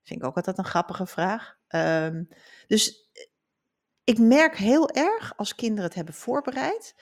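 A middle-aged woman, a children's book author, answering interview questions and reading aloud from her book with expressive storytelling. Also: mid-range voice, unhurried.

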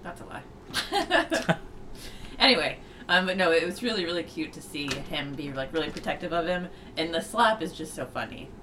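A podcast co-host chatting casually about a film, giving quick agreeing replies and gushing over favorite moments. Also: mid-range voice, fairly bright tone, slight background noise.

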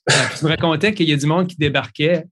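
Higher-voiced interviewer, a man. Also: steady tone, quick pace, a bit bright. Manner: recaps the guest's story back to him. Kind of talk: casual conversation.

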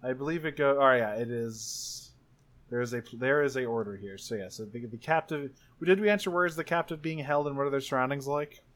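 A man with a mid-range, somewhat bright voice speaks fairly quickly as he leads a tabletop roleplaying game for an actual play podcast, in which he's also a player. His talk is casual, and he thinks aloud as he goes.

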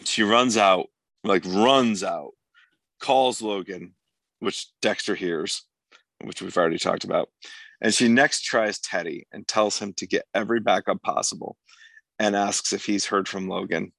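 A man's voice: lowish voice, normal speed, vocal fry, fairly bright tone, no room sound. A man co-hosting a podcast, recapping the plot of a TV episode in long, casual runs and laughing easily. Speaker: podcast co-host.

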